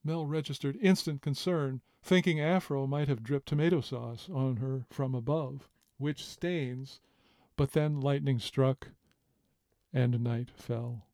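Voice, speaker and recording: Male audiobook narrator, mellow warm tone, measured and expressive, dry close read. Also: medium pitch, dry recording.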